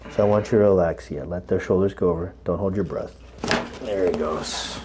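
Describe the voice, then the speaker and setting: A man working as a chiropractor, giving calm, joking instructions to a patient during treatment. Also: deep voice, brisk, noisy background. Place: chiropractic clinic room.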